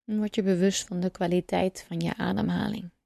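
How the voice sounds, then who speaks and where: Meditation guide, female: low, slightly creaky voice, calm unhurried instruction, long pauses, close dry sound. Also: no room sound. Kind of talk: guided breathing meditation narration.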